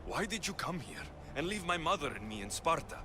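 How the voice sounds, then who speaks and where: A man's voice: on the high side, very animated, a little fast, noisy background. An actor playing a proud, wary young male warrior in a video game, blunt, intense and questioning. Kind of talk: video game cutscene acting. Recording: music behind the voice.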